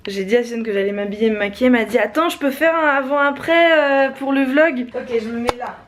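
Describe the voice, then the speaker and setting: A woman hosting a vlog, chatting casually to the camera in an informal, expressive way with frequent exclamations. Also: sits high, quick pace. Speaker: vlog host. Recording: roomy echo, clear background noise.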